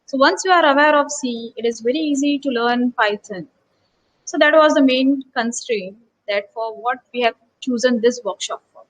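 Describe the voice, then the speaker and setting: The recording is rough as a woman associate professor from Gujarat, India, lectures in an online workshop at a moderate pace in a fairly high voice. Earnest and teacherly, she keeps asking her audience rhetorical questions.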